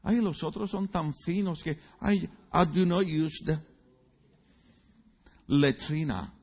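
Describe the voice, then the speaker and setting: A man's voice: fairly high pitch, slow, a little mellow. A male pastor preaching a sermon in a church, joking and teasing the congregation and asking them questions. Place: church sanctuary.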